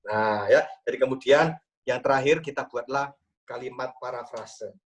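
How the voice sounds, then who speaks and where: A male pastor giving a lively church talk on marriage over a video call, with frequent "ya" tags. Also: medium pitch, normal speed, distant mic, low-quality recording.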